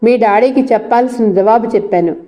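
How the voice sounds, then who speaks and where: A woman's voice: on the high side, fairly quick, warm tone, natural voice. A woman voicing a proud young female lecturer who speaks firmly and curtly, read from a storybook. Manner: firm, curt.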